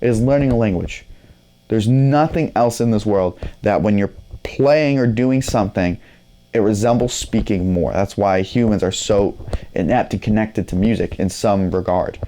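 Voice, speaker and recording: Lowish-voiced guy teaching guitar, chatty, keeps saying right? and you know. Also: normal speed, warm tone. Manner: conversational, fillers and "right?" tags. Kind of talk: casual video lesson.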